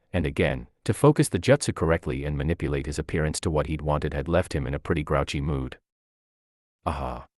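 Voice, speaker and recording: A man narrating a fan fiction story aloud in an expressive, lively storytelling manner. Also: low-pitched, dry recording, clean studio sound.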